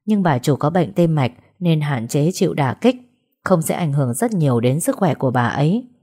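A woman voicing a calm family doctor giving advice. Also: sits low, moderate pace, husky, full character voice.

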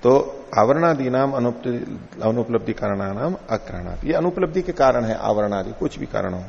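A man teaching a classical philosophy text in a lecture hall, reciting verses slowly and then explaining them with rhetorical questions. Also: mid-range voice, creaky, darkish tone. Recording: dull lo-fi recording with long hall reverb.

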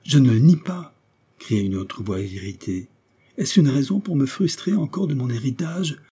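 A man reading an audiobook voices an angry rebellious prince shouting reproaches at his father in a raised, defiant voice. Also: medium pitch, husky. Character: bitter rebellious adult prince, the emperor's son.

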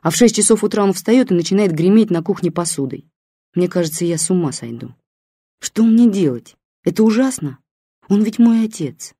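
A woman's voice: medium pitch, expressive, normal speed, mellow, slightly rough, no room sound, clean studio sound, pitched above the performer's own voice. A woman reading as a distressed grown daughter complaining about her father, exasperated and pleading.

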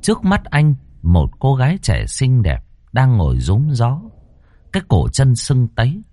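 A man narrating a ghost story in a dramatic, expressive reading style. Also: mid-range voice, measured pace.

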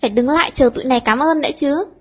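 A woman voicing a bossy teenage schoolgirl who leads her friends, brisk and mock-stern, with a husky tone. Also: high-pitched, lo-fi sound, natural voice. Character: bossy, sharp-tongued teenage schoolgirl leader.

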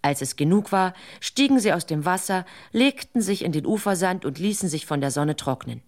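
A woman narrating an old folk tale for radio in a low, unhurried voice. She keeps a dry, wry tone throughout and lets the foolishness speak for itself. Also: expressive. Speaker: storyteller.

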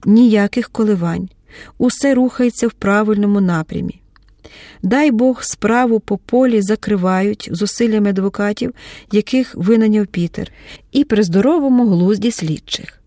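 A woman narrating a novel in measured literary style, at times dropping to a whisper. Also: mid-range voice, warm tone, no room sound, clean studio sound. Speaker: audiobook narrator.

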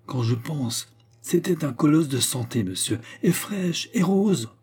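A man reading an audiobook, voicing an indignant male concierge who exclaims and gossips excitedly. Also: measured pace, breathy edge, exaggerated voice. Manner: excited, exclaiming, rising high.

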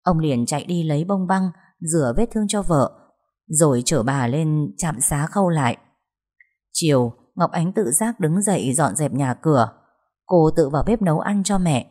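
A woman narrating a story in a steady, even way. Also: sits low, moderate pace. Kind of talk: scripted narration.

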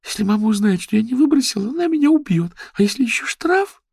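A man's voice: animated, fast, gravelly, a little mellow, breathy edge, no room sound, studio quality, exaggerated voice. A man reading an audiobook, voicing a tearful, frightened young woman who pleads between sobs. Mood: tearful pleading. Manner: sobbing, pleading, high-pitched.

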